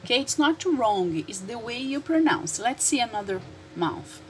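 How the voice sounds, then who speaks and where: A woman teacher with a Brazilian Portuguese accent, a native Portuguese speaker, explaining English words slowly and repeating them for her learners. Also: on the high side, very animated, a little hiss or hum, low-quality recording. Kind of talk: classroom lesson explaining vocabulary.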